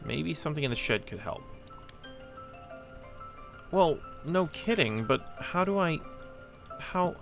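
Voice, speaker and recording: A man hosting a gameplay channel gives casual commentary on a game playthrough, hesitant and rambling as he thinks aloud. His voice is mid-range with vocal fry.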